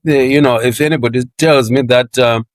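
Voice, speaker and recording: A man's voice: medium pitch, fairly even intonation, a little fast. A man in his sixties from Zimbabwe, a guest in a career interview, with a mid-range voice that sits right in the middle for a man. He talks in a loose, chatty way, often laughing and stumbling over repeated words at the start of his thoughts. The sound is close and dry, with no room echo.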